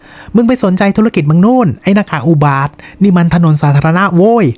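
A bratty young goddess with a shrill, raised, quarrelsome voice, as a man puts her on. She talks quickly and crudely, in a close, dry sound. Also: animated, darkish tone, dry recording. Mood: yelling back. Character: loud, bratty, rude young goddess woman.

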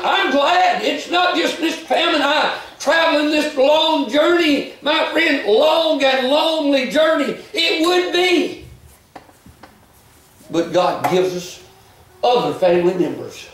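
A man preaching an animated sermon as a visiting preacher, shouting and chuckling as he goes. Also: very high voice, slow pace. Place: church. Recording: echoey church recorded from far off.

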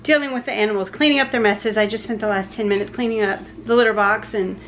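A woman's voice: medium pitch, fairly even intonation, fast talker, a bit bright, a little hiss or hum. A woman, chatting casually and rambling through a day-in-the-life vlog at home. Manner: chatty, rambling, with many fillers and restarts. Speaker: vlogger.

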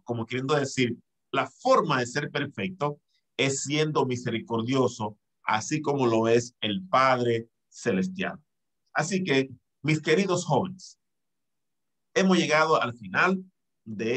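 A man's voice: on the high side, fairly bright tone. A man in his forties preaching an earnest Bible study to young people from a bedroom at home, speaking into a webcam and gesturing with both hands. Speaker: youth Bible study teacher. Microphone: webcam on a video call.

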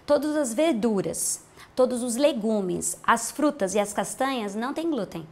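A Brazilian-accented woman in her thirties, a nutritionist, explains diet in a TV health interview, speaking into a lapel mic in a bright room with large windows. Her voice sits on the high side with a darkish tone, animated but a little slow. She's patient and plain-spoken, explaining through simple comparisons.

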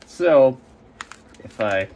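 Outdoors in sunlight at a potting table, a young carnivorous plant grower walks through a hands-on gardening demonstration, his mid-range voice a bit nasal from a cold. He speaks extremely slowly in a relaxed, explanatory, casual way with fillers, and there's background noise. The camera is overhead, with him off frame.

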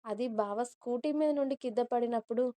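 A woman's voice: fairly high pitch, fairly quick, dark tone, natural voice. A woman voicing a playful, nervous young woman who chatters and pleads. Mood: chatty. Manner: chatty, pleading, stammering when caught.

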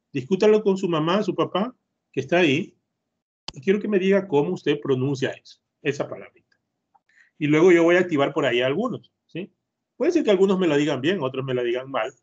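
A patient male teacher with an Ecuadorian Spanish accent, leading an online class for children and drilling pronunciation by saying words over and over. His voice is a little husky and sits fairly high for a man. It comes through a computer mic on a video call, muffled and lo-fi. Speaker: English teacher.

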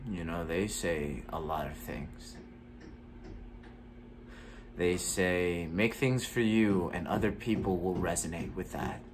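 A young man performing a gloomy, bitter young artist in a dramatic monologue. The voice is low and weary, with hesitant conversational phrasing. Noticeable room noise sits behind it. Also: slow, pauses often. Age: young adult. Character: gloomy, stressed, struggling young male actor venting bitterly. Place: small room indoors at home.

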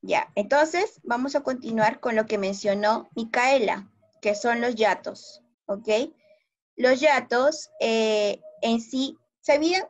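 A woman's voice: fairly high pitch, takes it slowly. A woman teacher with a Peruvian Spanish accent explaining a grammar lesson patiently to primary pupils, checking often that they understand. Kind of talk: online class explanation. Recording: dull lo-fi sound.

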